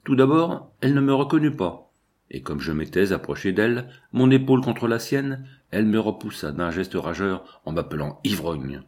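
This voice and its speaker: Low-voiced man narrating a novel. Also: very animated, normal speed, a little mellow. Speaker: audiobook narrator. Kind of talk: scripted first-person narration of a novel.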